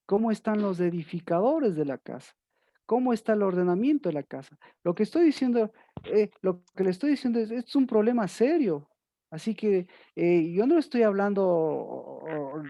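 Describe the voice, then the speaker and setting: A woman's voice: medium pitch, dark tone, no room sound, studio quality. A woman preaching a sermon in Spanish, building repeated phrases into emphatic declamation.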